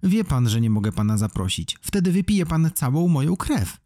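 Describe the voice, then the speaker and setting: A man's voice: fairly high pitch, big pitch swings, normal speed, dark tone, no room sound, clean studio sound, pitched above the performer's own voice. A man voicing a clever, bold young girl in a children's audiobook, in a raised, bossy, questioning tone.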